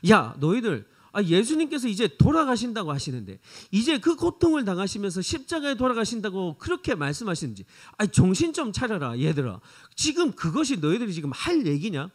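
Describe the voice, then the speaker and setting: Exasperated disciples, put on by a male preacher, scold two of their fellows. The voice climbs above the man's usual pitch and turns louder and sharper as they tell them off. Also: huge pitch swings, a little fast, hardly any pauses, full character voice.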